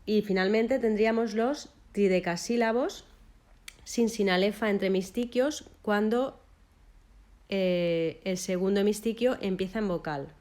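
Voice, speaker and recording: Measured woman teaching. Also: medium pitch, darkish tone. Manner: measured, lists terms one by one with short pauses. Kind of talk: explanatory lesson.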